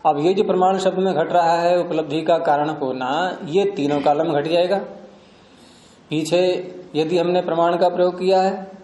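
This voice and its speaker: A man lectures a class in a patient, explanatory way, asking questions and then answering them himself. His voice sits a little high but sounds mellow. The room gives it a noticeable echo. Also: fairly even intonation, normal speed. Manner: patient, repeats and rephrases terms, asks and answers his own questions. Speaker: teacher of Sanskrit philosophy. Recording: echoey room.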